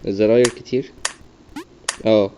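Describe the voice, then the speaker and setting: A young male gamer with an Egyptian Arabic accent commentates his gameplay, muttering repeated self-coaching. His lowish voice is steady, warm and moderately paced, captured on a dull lo-fi mic with faint noise.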